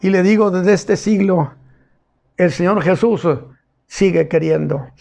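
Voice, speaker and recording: A male pastor preaching a sermon and retelling a scripture story vividly and deliberately. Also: sits high, creaky, a little mellow.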